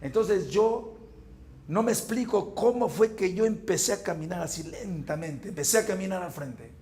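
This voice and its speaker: A male pastor preaching a fervent sermon, moving from hushed storytelling to shouted points and often repeating words. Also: sits high, lively intonation, moderate pace. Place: church.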